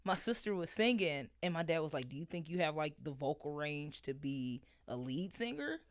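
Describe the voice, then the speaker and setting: A woman guest on a podcast, telling candid, expressive stories in casual chat and laughing often. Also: deep voice, normal speed.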